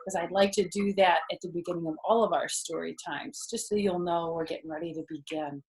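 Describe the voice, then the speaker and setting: Over a video call with poor audio, an older woman reads a picture book to children from her back porch and chats with them, keeping her explanations simple. Her voice is lowish and steady, and she talks briskly.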